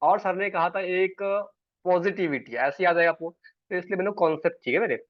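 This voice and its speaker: A man's voice: sits high, a little fast, no room sound. Chatty male sales trainer on a call. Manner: chatty, keeps checking in with the class. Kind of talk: online class teaching. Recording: dull, dry online call audio.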